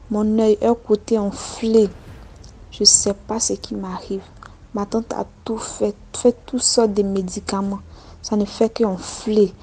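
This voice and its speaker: A woman's voice: mid-range voice, mellow. A woman from Côte d'Ivoire with an Ivorian French accent, telling her own story in a recorded voice message with simple, repeated phrasing. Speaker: story contributor.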